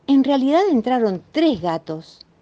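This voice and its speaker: A bright, sing-song mom with a Rioplatense accent, putting on a sorry tone while she teases, as a woman voices her in a storybook. Her pitch rises high and swoops, and the recording is dull and dry. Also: very animated, a little slow. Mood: mock-sorry. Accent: Rioplatense Spanish. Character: cheerful teasing mother.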